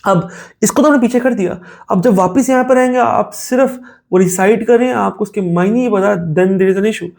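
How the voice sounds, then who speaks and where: A man's voice: sits high, normal speed, creaky, darkish tone. A man giving a casual spoken talk on faith and self-control, mixing in English phrases and checking in with "make sense?". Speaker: Islamic motivational speaker.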